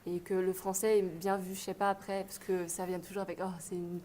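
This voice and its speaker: A woman's voice: medium pitch, flat delivery, fairly quick, warm tone, a little hiss or hum. A young woman, a language student, answering in a radio interview. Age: young adult.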